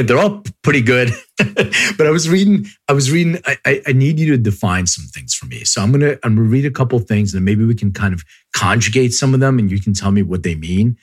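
A man's voice: medium pitch, a little fast, breathy edge. A man from Philadelphia hosting a casual interview, rambling with many restarts and frequent laughs. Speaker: podcast host.

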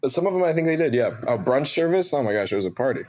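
A man in his twenties, a guest telling animated, self-mocking stories with many fillers over a video call. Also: mid-range voice, rapid-fire. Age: 20s. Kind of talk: casual interview storytelling.

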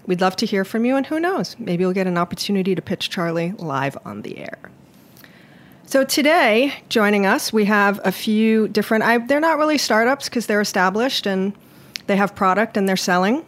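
A woman's voice: mid-range voice, animated, normal speed. A woman hosting a live radio interview show, addressing listeners and guests from a small studio. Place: small broadcast studio in a shipping container.

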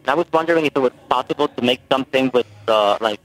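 Radio caller, male, on a glitchy, buzzy phone connection that cuts out, talks haltingly. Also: medium pitch, fairly bright tone, soft background music. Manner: halting, searching for words with ums. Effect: buzzy glitchy phone line that keeps breaking up. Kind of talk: call-in question on a radio show.

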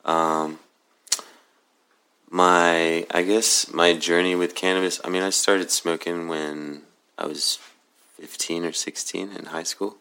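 A man from Oklahoma with a very deep, low magnetic voice, answering interview questions casually in a hesitant, laid-back, halting way. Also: flat delivery, pushed and bright, clear, resonant tone. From Oklahoma City, USA. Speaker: podcast guest, cannabis grower.

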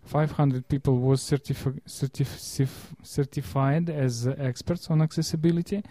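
A man from Russia with a Russian accent, explaining in an interview in halting non-fluent English, often searching for words. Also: mid-range voice, fairly even intonation, dark tone, no room sound.

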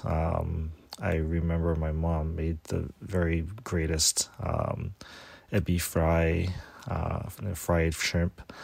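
A man from Hawaii, a guest on an interview podcast, talking casually with frequent pauses and restarts. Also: sits low, gravelly, breathy edge, no room sound. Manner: halting, many fillers and restarts. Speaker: guest, tea shop owner.

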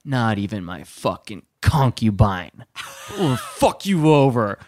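A man voicing an angry male stranger who rants, swears and makes drawn-out threats. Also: lowish voice, big pitch swings, darkish tone. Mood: furious.

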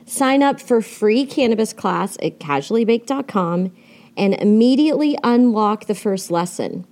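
A woman's voice: medium pitch, animated, measured pace, darkish tone. A woman hosting her podcast in a candid, chatty way, swearing casually and laughing often. She speaks from under a blanket on her bed, so her voice sounds muffled. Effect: muffled, recorded from under a blanket. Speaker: podcast host. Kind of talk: casual solo podcast monologue.

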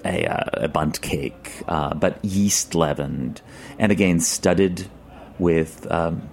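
A man with a very low voice talks slowly through food traditions as a studio guest. He pauses often and fills the gaps with ums and uhs, building his points step by step. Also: creaky, darkish tone. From Czech Republic. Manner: thoughtful, explains with many pauses and fillers. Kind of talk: casual studio conversation. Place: radio studio.

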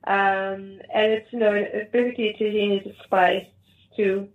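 Female interview guest, North African accent, mid pitch, explanatory and searching for words, narrow phone-like audio. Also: level tone, moderate pace. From Morocco. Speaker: interview guest, Moroccan food cook. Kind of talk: conversational interview answers. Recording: thin, phone-like call audio.

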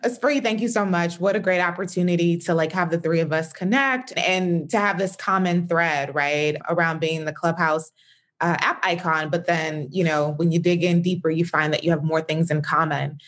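A woman from Houston, Texas, a guest in a casual podcast chat, upbeat and gracious and quick to laugh. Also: lowish voice.

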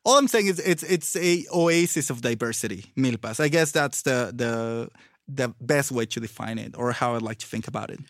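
A man from Mexico, a native Spanish speaker with a Mexican accent, explains things casually in Spanglish-tinged English, mixing in Spanish-influenced words and pronunciation with reflective, teasing enthusiasm. His voice is medium-pitched at normal speed, recorded dry with clean studio sound.

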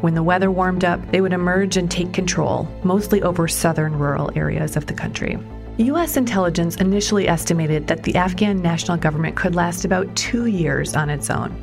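A woman reporter narrating a documentary story in a measured storytelling way, sometimes stressing questions. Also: on the low side, creaky. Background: music underneath.

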